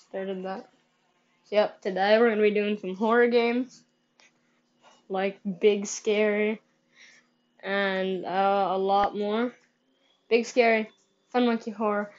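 A woman's voice: medium pitch, a little mellow, highs cut off. A woman hosting a live gaming stream, chatty and upbeat, heard through livestream headset mic audio. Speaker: livestream host.

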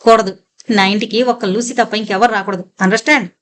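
A man's voice: high-pitched, fast talker, natural voice. Woman reader doing a cold stern crook, short and curt, audio novel. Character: cold, stern male criminal on the phone.

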